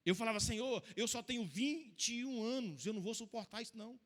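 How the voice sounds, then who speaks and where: A man's voice: extremely high pitch, expressive. A Brazilian pastor preaching a sermon, telling his own story with emotional, emphatic swings in volume. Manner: emotional storytelling preacher, rising to loud, slow emphatic lines. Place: church hall. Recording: long church-hall reverb.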